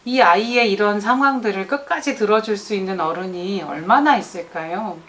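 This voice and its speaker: A middle-aged woman, an early childhood teacher, giving parenting advice in a gentle tone and speaking straight to mothers. She acts out what children and teachers say. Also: medium pitch, normal speed.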